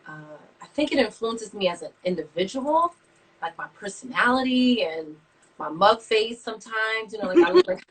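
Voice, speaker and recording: A woman's voice: fairly high pitch, big pitch swings, normal speed, recorded from a distance, low-quality recording. A woman from Brooklyn, an abstract artist chatting casually in an interview, thinking aloud with frequent restarts. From Brooklyn, New York. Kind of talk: casual interview over a live stream.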